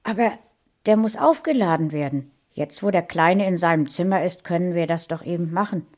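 A woman voicing a busy mother who talks briskly and with a raised voice. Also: fairly low pitch, a little mellow, close to an everyday voice.

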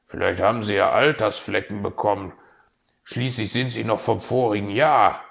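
A man's voice: lowish voice, fairly even intonation, moderate pace, gravelly, a bit bright. A man voicing a flustered, stingy male fox who blusters with silly oaths in a storybook reading. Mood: sheepish.

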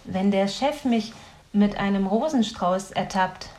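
A grumbling, fretful young fellow, read by a woman in a storybook. He sulks through his words at a slow, drawn-out pace, staying close to the reader's own middle voice. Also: medium pitch, a little mellow, lightly acted. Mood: sulky, fretful. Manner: sulky, grumbling. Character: fretful, grumpy young man in training.

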